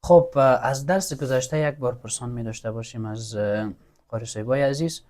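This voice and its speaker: Speaking at a medium pitch with a mellow quality, a man teaches Quran recitation to a class. He patiently works through letter sounds in call-and-repeat drills and praises his students along the way.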